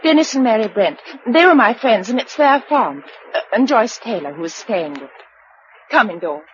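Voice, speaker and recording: An actress playing Josella, an affectionate, capable British young woman in a radio drama, emotional and wryly tender with a slightly breathy voice. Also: a little high, lively intonation, normal speed, slight background noise, lightly acted. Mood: brisk. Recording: dull old radio recording.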